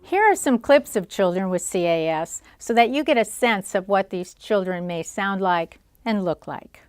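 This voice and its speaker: A woman gives an educational presentation in a medium-pitched voice. She explains terms step by step, as a lecturer would. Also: lively intonation, normal speed, smooth. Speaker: lecturer on childhood speech disorders.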